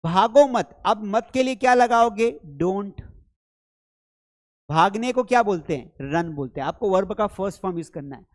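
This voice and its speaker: A man's voice: high voice, animated, normal speed. A man teaching spoken English in a live online lesson, calling viewers "children" and repeating phrases for drills.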